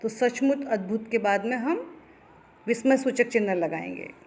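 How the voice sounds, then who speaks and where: A woman teaching a grammar lesson to children, slowly explaining each point with examples and checking that they understand. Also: on the high side, darkish tone. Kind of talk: classroom lesson. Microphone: phone voice recorder.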